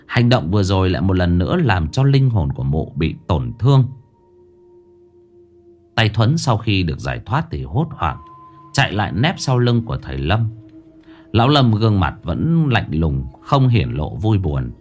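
A male storyteller with a lowish voice reads a horror tale dramatically, his pitch rising and falling a lot. Soft music plays underneath. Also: sing-song, normal speed.

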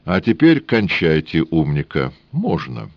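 A man voicing a cocky card-sharp thief who talks in a smug, mocking, coaxing way. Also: deep voice, big pitch swings, unhurried, dry recording, muffled recording.

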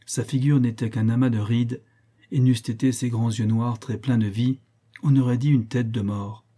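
A man narrating an adventure novel in the first person, steady and storytelling. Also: mid-range voice, normal speed, husky. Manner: steady storytelling with acted dialogue. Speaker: audiobook narrator.

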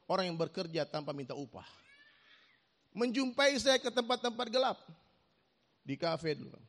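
A man delivering a storytelling sermon about his own past, acting out the voices of the people in his story and joking with the congregation. His voice sits a little high for a man and swings widely in pitch, so the telling sounds lively and animated. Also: moderate pace. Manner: animated, acts out dialogue, joking with the audience. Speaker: preacher giving a personal testimony.

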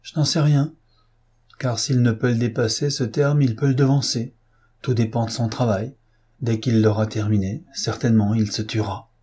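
A man's voice: mid-range voice, fairly even intonation, normal speed, dark tone, breathy edge, natural voice. A man reading an audiobook, voicing an anguished, tearful young aristocratic wife in a pleading manner. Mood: distraught. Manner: pleading, sobbing.

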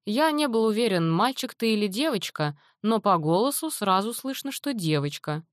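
A woman's voice: medium pitch, normal speed, dry recording, studio quality, voice pushed up, natural voice. A woman voicing a cheeky, talkative teenage boy who teases and explains things at length, in a storybook reading. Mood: teasing. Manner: chatty, teasing, lively explaining.

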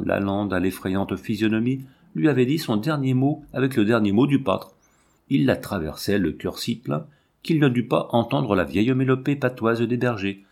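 A man narrating a classic novel as an audiobook in a measured, dramatic reading. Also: mid-range voice, vocal fry, a little mellow.

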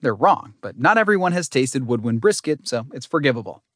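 A man narrates a nonfiction book at a middle pitch. His delivery is scripted and even, with dry, wry humor. The recording is close and dry, with no room sound. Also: fairly quick, dry recording. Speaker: audiobook narrator.

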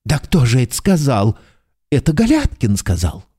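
An actor playing a nervous, excitable middle-aged clerk in a literary radio drama, pleading one moment and hurling abuse the next. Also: male voice, medium pitch, normal speed, slightly rough. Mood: furious. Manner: agitated, pleading, bursts into shouting abuse.

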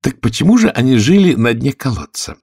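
A man's voice: mid-range voice, very animated, a little fast, darkish tone, breathy edge, no room sound, studio quality, pitched above the performer's own voice. A man voicing a curious, polite young girl in a storybook, asking eager questions.

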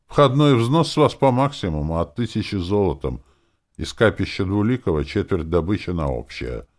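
A man reading an audiobook, voicing a stern middle-aged father who speaks gruffly and bluntly. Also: sits low, expressive, normal speed, darkish tone, voice pushed up. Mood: irritated.

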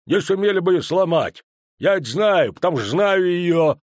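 A man's voice: high voice, expressive, moderate pace, dry recording, studio quality, voice pushed up. Man doing an emphatic old dwarf veteran. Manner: emphatic, lecturing.

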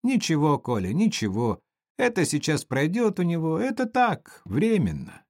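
A man's voice: a little high, huge pitch swings, normal speed, darkish tone, dry recording, clean studio sound, voice pushed up, full character voice. A man voicing a pleading young woman. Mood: soothing. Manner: pleading, reproachful.

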